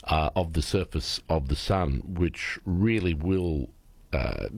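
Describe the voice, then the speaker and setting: A man's voice: extremely low pitch, lively intonation, slow pace, vocal fry, no echo. A middle-aged Australian man presenting on local radio in a studio, talking casually and stumbling often over "uh" fillers. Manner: hesitant, many "uh" fillers.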